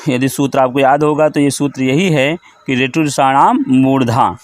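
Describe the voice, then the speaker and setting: A man teaching a grammar quiz lesson, reading each question and its options, then repeating the answer and the rule in a slow, methodical way. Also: medium pitch, no echo, studio quality.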